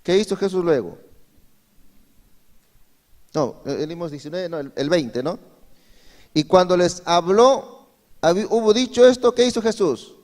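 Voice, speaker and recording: A male pastor preaches a Sunday sermon in a church hall. His voice is somewhat high for a man, and he keeps asking his listeners rhetorical questions. The hall gives his voice a long, ringing reverb. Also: a little slow, pauses often, a little mellow. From Peru. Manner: asks the congregation frequent rhetorical questions.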